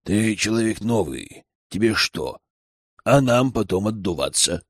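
A man voicing a grumpy, suspicious old male village elder who talks low, slow and grudging. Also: animated, husky, no room sound, studio quality, full character voice.

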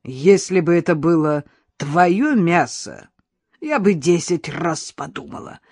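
A woman's voice: medium pitch, expressive, measured pace, dry recording. Woman doing a bitter, hissing young wife. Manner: hissing, resentful.

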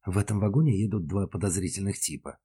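A man's voice: sits low, fast, warm tone, breathy edge. A man voicing an earnest young woman sleuth.

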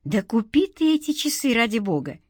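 A woman's voice: a little high, lively intonation, measured pace, dry recording, studio quality. Woman voicing a teasing young woman. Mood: impatient. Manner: teasing, coaxing. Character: playful affectionate young woman. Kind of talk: audiobook character voice.

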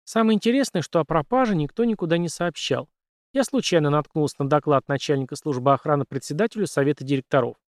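A man voicing a somber older father, a former soldier, speaking in a measured, grave way. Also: fairly high pitch, no room sound, studio quality, close to an everyday voice. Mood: matter-of-fact.

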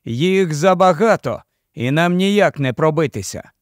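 A man voicing a noble young prince in an audiobook, giving firm, measured commands. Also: on the high side, expressive, dry recording, studio quality. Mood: commanding.

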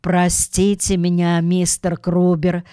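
A woman's voice: on the low side, completely flat delivery, slow, warm tone, clean tone, no echo, studio quality. Paddington, a woman reading as a polite little bear cub. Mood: apologetic. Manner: earnest, eager, apologetic.

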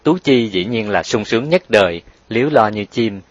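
A man narrating an audiobook in an even, sentimental storytelling way. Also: fairly low pitch, normal speed, no room sound, muffled recording.

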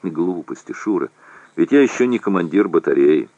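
A man's voice: low voice, expressive, moderate pace, darkish tone, dry recording, dull audio. A man reading the lines of a confident young artillery officer who coaxes insistently. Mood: coaxing. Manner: coaxing and insistent.

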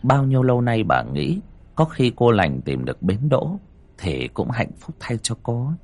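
A man's voice: medium pitch, sing-song, a little slow, a little mellow, husky. A man narrating a horror story with dramatic storytelling. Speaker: audiobook narrator.

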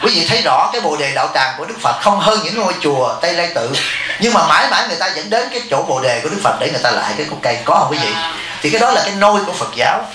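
A man's voice: fairly high pitch, sing-song, racing, bright, forceful tone, reverberant, a little hiss or hum, low-quality recording. A man, a Buddhist monk and temple abbot, giving a blunt, informal dharma talk to his disciples and speaking of himself in the third person as their teacher.

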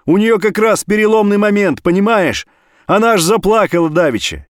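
Man as frantic father, loud pleading, raised pitch, very lively intonation, dry sound. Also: normal speed, no echo. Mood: pleading loudly. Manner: pleading, shouting down a phone line. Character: anxious desperate middle-aged father.

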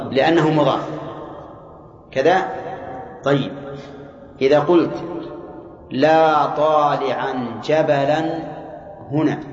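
An older man teaching an Arabic grammar lesson in a measured way, often checking on his students with short questions. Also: a little high, darkish tone. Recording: dull echoey lecture hall recording.

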